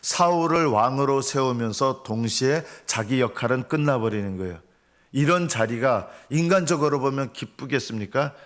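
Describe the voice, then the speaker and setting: A middle-aged male pastor gives an early-morning sermon in a voice of average pitch. He preaches earnestly and keeps asking the congregation questions before he answers them himself. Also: lively intonation, normal speed. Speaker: senior pastor.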